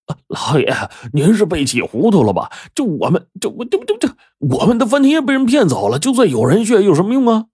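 A man's voice: high-pitched, huge pitch swings, fairly quick, hardly any pauses, darkish tone, slightly rough, no room sound, studio quality, voice pushed up, full character voice. A man voicing a timid male servant who stammers when scared. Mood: pleading.

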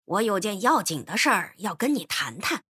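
A woman voicing a scheming male detective in a storybook reading, talking in a low, coaxing, conspiratorial way. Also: big pitch swings, moderate pace, sharp tone, breathy edge, full character voice.

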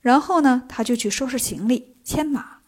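A woman telling a comic story in a lively way, with playful asides. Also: high voice, normal speed, husky. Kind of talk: comic children's story narration.

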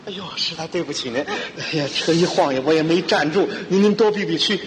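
A man's voice: a little high, fairly quick, crowd noise, voice pushed down, natural voice. A man playing an overly polite bus passenger who keeps apologizing for stepping on someone's foot, in a crosstalk routine. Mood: apologetic. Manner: fawning, softly apologetic. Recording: reverberant hall, faint noise.

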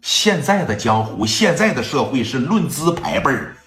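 A man's voice: mid-range voice, big pitch swings, normal speed, a bit bright. A man voicing a bossy older woman gang elder who lectures and scolds with indignant boasting. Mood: scolding. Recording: echoey room, faint music.

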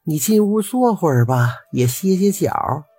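A man voicing a ghostly young village woman who speaks softly and coaxingly from inside her lonely house. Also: high voice, expressive, measured pace, slightly rough, no echo, voice pushed up, heavily acted. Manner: gentle, hospitable, softly coaxing.

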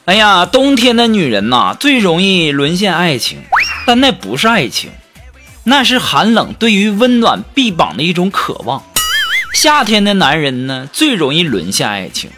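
A man telling short comic anecdotes in a lively monologue, acting out the people he quotes. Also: high-pitched, moderate pace. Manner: animated, acts out quoted people in shifting voices. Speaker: comedic storyteller. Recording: with background music.

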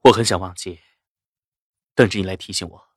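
Woman doing a mild young man doctor, deep low voice, soft-spoken, dry close sound. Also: fairly even intonation, brisk, breathy edge, no room sound. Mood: quietly firm. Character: gentle, calm young male doctor suitor.

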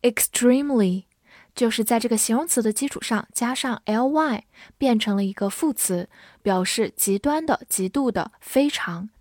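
A woman teaching English vocabulary in a calm, clear way. She spells words out letter by letter and reads example sentences slowly for her listeners to repeat. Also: fairly high pitch, dry recording, studio quality. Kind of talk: vocabulary lesson.

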